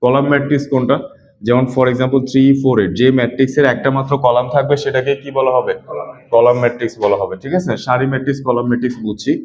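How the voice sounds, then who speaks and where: A male tutor explains a math topic to his class, often checking whether they follow and answering his own questions. His voice sits at an ordinary pitch. The recording is muffled and lo-fi, with a faint background hiss. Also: steady tone, quick pace, darkish tone. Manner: repeats and quizzes students with rhetorical questions. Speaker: math teacher. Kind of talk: classroom lecture. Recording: dull lo-fi recording with faint noise.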